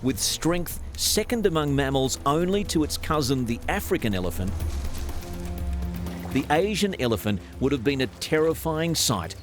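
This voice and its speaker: Lively male documentary narrator over music. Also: a little high, normal speed.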